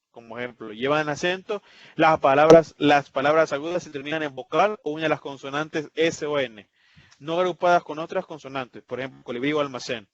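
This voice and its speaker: A man teaches spelling rules over a video call and walks through example after example. His voice sits a little high, and the muffled, lo-fi call audio dulls it. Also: dry recording. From El Salvador. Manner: explanatory, lists examples, asks "¿verdad?". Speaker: tutor. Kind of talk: online spelling lesson.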